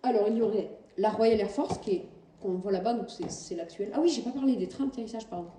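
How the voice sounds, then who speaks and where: A woman's voice: medium pitch, fast talker, warm tone. A woman giving casual commentary over game footage, hesitant and full of fillers and self-corrections. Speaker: gaming channel host. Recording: roomy, distant mic, faint background noise.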